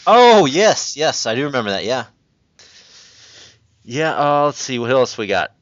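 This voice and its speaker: A man's voice: medium pitch, very animated, unhurried, dry recording. Guy hosting a podcast, swears a lot, rambly, dry kinda muffled audio. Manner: swears freely, rambling with fillers. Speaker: podcast host. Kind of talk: casual wrestling chat.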